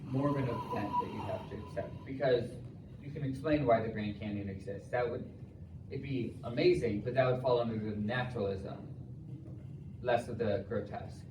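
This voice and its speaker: A man's voice: medium pitch, moderate pace. A young man defending his thesis, answering examiners' questions in a hesitant, hedging way as he rephrases his points. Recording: echoey room, distant mic, clear noise.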